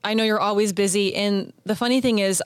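A woman's voice: mid-range voice, fairly even intonation, a little fast, clean tone, dry recording. A woman hosting a talk show in a casual, informal, chatty interview style.

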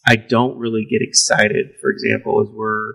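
A man with a fairly low, slightly bright voice speaks at a normal pace in a level tone. He's a pastor sharing candid, self-deprecating stories about his preaching, laughing easily as he goes.

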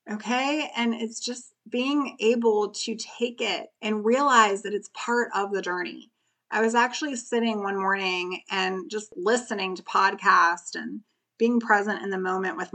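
A woman with a bright, thin and squeaky voice speaks as a solo podcast host. She coaches the listener directly, in an earnest, emphatic motivational style.

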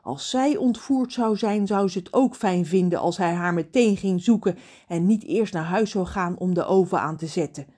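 A woman narrating a children's audiobook in an expressive, storytelling manner. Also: lowish voice, normal speed.

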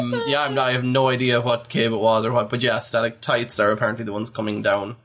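A man's voice: medium pitch, level tone, fairly quick, very noisy. A man from Ireland with an Irish accent, co-hosting a podcast in casual chat with teasing, dry jokes. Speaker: podcast co-host.

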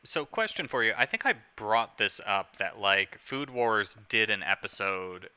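Bright, crisp-voiced male podcast host. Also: on the low side, lively intonation, measured pace. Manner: rambling, with many fillers. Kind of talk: casual podcast chat.

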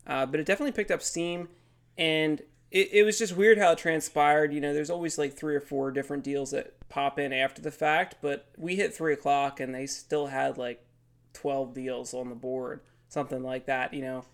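A man's voice: a little high, steady tone, normal speed, clear, resonant tone. A man co-hosting a podcast with casual sports talk, nasal as he gets over a sinus infection. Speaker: podcast co-host.

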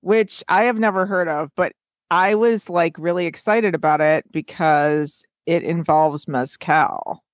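A woman co-hosting a podcast in casual chat, chatty and quick to giggle. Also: fairly low pitch, no room sound, studio quality. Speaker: podcast co-host.

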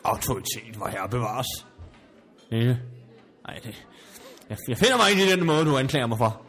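A man's voice: medium pitch, very animated, a bit bright, breathy edge, soft background music, heavily acted. A man playing a haughty, snobbish country estate owner in an improvised comedy sketch, indignant and stammering when flustered.

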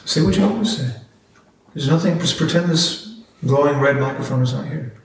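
A man's voice: on the high side, a little fast, creaky, far from the mic, a little hiss or hum. Man hosting a faith podcast, roomy. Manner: earnest, encouraging, exhorting. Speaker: podcast host, father. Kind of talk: casual family faith podcast.

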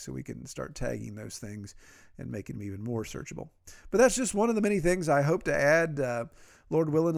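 A man's voice: medium pitch, gravelly, darkish tone. A man with an Appalachian drawl, talking casually and in a folksy, self-deprecating way as a podcast host. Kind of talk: casual, conversational podcast monologue.

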